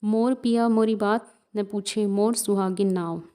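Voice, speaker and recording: A woman's voice: medium pitch, steady tone, a little slow, dark tone, smooth, lightly acted. A woman voicing a defiant young village wife who taunts in cutting words. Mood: taunting.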